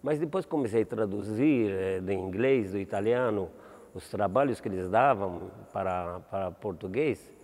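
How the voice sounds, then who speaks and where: A Maltese priest in his seventies answers interview questions haltingly in a Maltese accent, restarting words and asking "entende?". His fairly low, slightly mellow voice echoes in a large hall.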